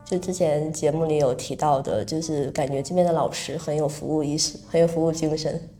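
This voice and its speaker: A woman's voice: sits low, fairly even intonation, a little fast, warm tone, faint music behind. A woman from mainland China hosting a podcast in casual chat, curious and full of questions, laughing often. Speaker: podcast host.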